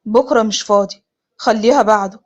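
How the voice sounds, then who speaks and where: امرأة تؤدي دور شاب متهرب وغير مبالٍ، بلهجة مصرية. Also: female voice, medium pitch, a little fast, darkish tone, dull audio, voice pushed down, close to an everyday voice. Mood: dismissive. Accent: Egyptian. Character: evasive careless young boyfriend.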